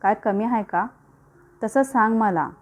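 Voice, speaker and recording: A woman's voice: mid-range voice, a little slow, lightly acted. A woman voicing a middle-aged village landowner father who spoils his daughter, speaking in rural dialect. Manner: rural Marathi dialect speech.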